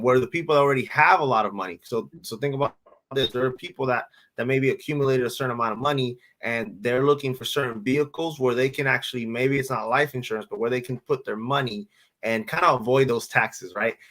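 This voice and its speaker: A man in his thirties from the Dominican Republic, talking casually as a guest financial advisor. His speech is relaxed and loose. He restarts and repeats words as he thinks and keeps checking in with "right?". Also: medium pitch, quick pace, poor audio. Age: 30s. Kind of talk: casual interview talk.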